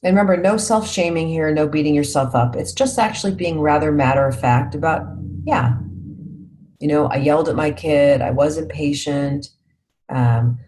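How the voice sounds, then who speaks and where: In a guided parenting workshop, a woman talks reflectively in a low-pitched, darkish voice, with slight hiss or hum in the background. She keeps asking "right?" after her points and puts guiding questions to the group.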